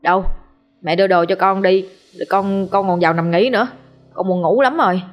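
A woman's voice: medium pitch, brisk, dull audio, soft background music, lightly acted. A woman voicing a young man under a ghost's spell who swears oaths and snaps at his mother, in a spoken ghost story. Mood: irritable. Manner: irritable, pleading, rising to panic. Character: young man, sullen and strained, bewitched.

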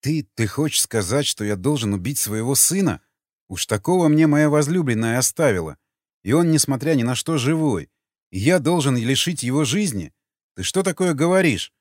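A man's voice: mid-range voice, expressive, moderate pace, darkish tone, no room sound, clean studio sound, close to an everyday voice. A man reading a heated, accusing young man. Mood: shocked. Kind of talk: audiobook character reading.

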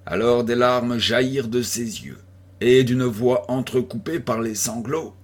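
Male audiobook narrator, husky voice, very unhurried delivery. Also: medium pitch. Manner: slow, deliberate reading. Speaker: audiobook reader. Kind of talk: scripted narration of a 19th-century detective novel.

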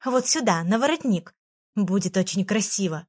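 A woman's voice: medium pitch, moderate pace, slightly rough. A woman reading aloud, voicing a tiny bossy magical girl creature who exclaims and tells on others. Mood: chirpy. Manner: lively, exclaiming, tattletale.

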